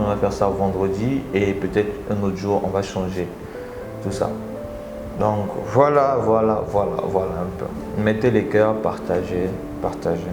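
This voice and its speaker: A man from the Republic of the Congo hosting a casual live stream from his office, energetic and talking straight to his viewers, often repeating his phrases. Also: on the low side, reverberant. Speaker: live stream host and speaker.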